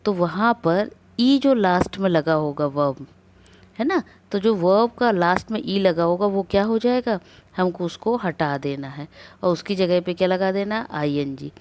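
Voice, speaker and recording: A woman with a somewhat low voice gives a grammar lesson. She explains each rule step by step, checks that her students follow, and reads the English rules out slowly and carefully. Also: darkish tone. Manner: explains step by step with repeated rhetorical questions and checks. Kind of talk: classroom lecture on grammar.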